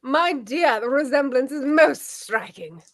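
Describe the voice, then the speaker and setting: A man's voice: extremely high pitch, expressive, measured pace, fairly bright tone, pitched above the performer's own voice, full character voice. A man doing a mild, genteel little curate. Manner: genteel, kindly and prim. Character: mild, benevolent male curate, round and small.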